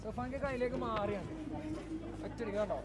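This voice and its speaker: High-pitched Malayali man mixing in English. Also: fairly quick. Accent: Malayali, Kerala. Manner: mixes English words into Malayalam. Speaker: travel vlogger. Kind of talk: casual travel vlog narration. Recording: clear outdoor street and vehicle noise.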